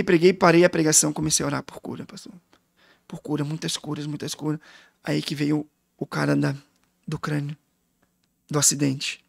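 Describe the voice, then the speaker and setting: A man's voice: on the high side, gravelly, breathy edge, dry recording, studio quality. A man who is a guest pastor, telling a personal testimony in a podcast interview with fervent, emotional storytelling.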